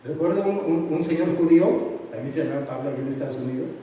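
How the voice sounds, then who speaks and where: A man preaching with a fairly high voice, recorded from a distance in a long, echoing church hall. He tells the story with humor and plays the characters' voices himself. A faint hum of room noise sits underneath. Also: fast, dark tone. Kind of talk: sermon.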